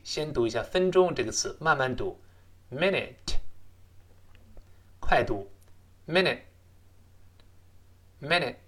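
A man teaching English in a recorded lesson, a native Chinese speaker whose delivery swings widely in pitch. His voice is bright and forceful, and he carefully models each phrase slowly before repeating it.

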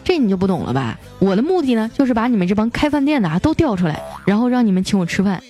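Mellow-voiced woman hosting a joke show. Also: medium pitch, sing-song, very fast, soft background music. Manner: playful, laughing asides. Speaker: radio joke-show host. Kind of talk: reading listener jokes aloud.

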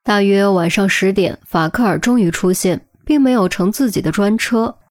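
A woman narrating a web novel audiobook in a steady, even storytelling voice. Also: mid-range voice, moderate pace, dry recording, studio quality.

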